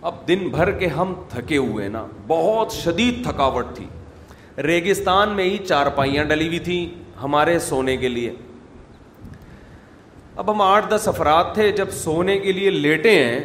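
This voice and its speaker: A man preaching a sermon, telling stories with sharp swings between loud and soft. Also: a little high. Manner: animated storytelling with sharp swings in loudness. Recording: echoey hall with faint noise.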